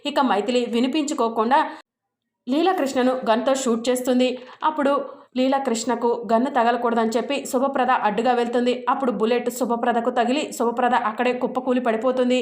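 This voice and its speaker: A woman storyteller with a high voice, walking through an episode in a steady retelling that keeps naming the characters. The recording rings with room echo. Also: quick pace. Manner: steady retelling with repeated names. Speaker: storyteller recapping a serial. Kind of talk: story narration.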